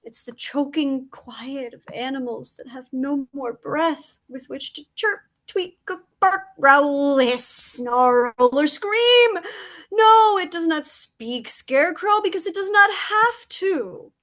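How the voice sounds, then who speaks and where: Crow: high, slow-spoken bird, desperate and pleading, read by a woman. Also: a bit bright. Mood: insistent. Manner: pleading, breathless, grows frantic. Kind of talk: audio drama reading.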